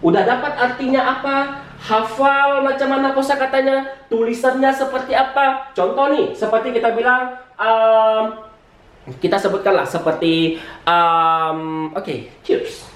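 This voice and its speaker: A man teaching English in a casual, chatty way at a whiteboard, mixing English words into his talk and jumping up in pitch for emphasis. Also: fairly even intonation, unhurried, a bit bright, far from the mic. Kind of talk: casual spoken lesson at a whiteboard. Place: room with a whiteboard. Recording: echoey room.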